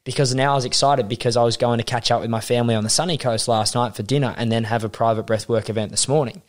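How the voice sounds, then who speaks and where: A man's voice: medium pitch, fairly even intonation, fast talker. A young adult Australian man, a coach and podcast guest, chatting casually and acting out quoted remarks as he tells his story. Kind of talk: casual interview chat.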